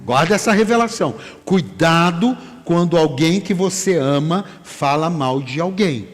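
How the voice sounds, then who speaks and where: A man's voice: on the high side, animated, measured pace, soft background music. A man with a Brazilian Portuguese accent preaching a sermon as pastor, emphatic and questioning his congregation. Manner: emphatic, acts out quoted voices, asks the congregation questions. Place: church hall. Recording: long hall reverb.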